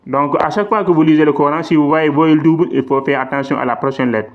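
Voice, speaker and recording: A man's voice: a little high, fast talker. A man teaching a lesson on Quran recitation rules, patiently repeating examples and drawing out the Arabic words. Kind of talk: classroom-style lesson explaining tajwid rules. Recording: slightly dull, lo-fi sound.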